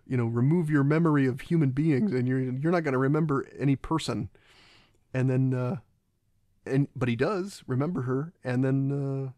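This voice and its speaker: A man's voice: medium pitch, darkish tone, no echo, clean studio sound. A man giving a casual, rambling film commentary, often stopping and restarting his sentences. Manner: halting and rambling, many restarts.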